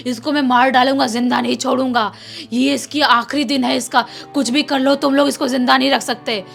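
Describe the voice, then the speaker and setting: A woman voicing a possessed young woman in a horror story, shouting and threatening in a raging spirit's voice. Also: high-pitched, fairly even intonation, fairly quick, soft background music, natural voice. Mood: menacing rage.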